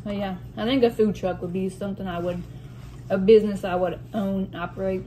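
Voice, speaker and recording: A woman chatting casually as a vlog host while eating soup in a mukbang, reading out questions and pausing to clear her throat. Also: medium pitch, fairly even intonation, warm tone, low-quality recording. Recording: noticeable room noise with dish and cutlery clatter. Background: clinking cutlery and dishes.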